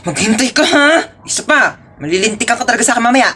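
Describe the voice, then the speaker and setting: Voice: medium pitch, lively intonation, fast talker, bright, forceful tone, breathy edge. A performer doing a stern nagging priest. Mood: scolding. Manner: threatening, nagging. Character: scolding parish priest, stern adult man.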